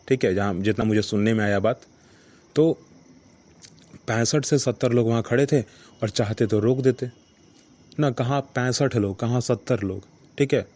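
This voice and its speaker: A man's voice: medium pitch, dark tone. A man hosting his own podcast, talking through a story in a casual, reflective monologue and often checking in with short tags like "okay" and "right". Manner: reflective, repeats points with "ठीक है" and "ना". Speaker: podcast host.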